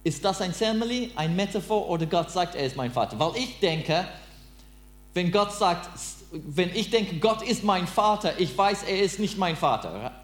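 A man whose first language is English, preaching in halting, broken German and quizzing his listeners. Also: sits high, lively intonation, a bit bright. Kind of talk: interactive sermon. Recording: roomy with mains hum.

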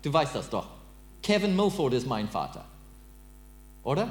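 A man whose first language is English, preaching in halting, broken German and quizzing his listeners. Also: mid-range voice, big pitch swings. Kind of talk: interactive sermon. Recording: roomy with mains hum.

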